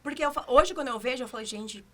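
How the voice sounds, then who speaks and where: A woman's voice: high-pitched, fast, pushed and bright. A young woman chatting as a podcast guest, telling stories animatedly and acting out her own inner voice. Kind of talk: casual podcast chat.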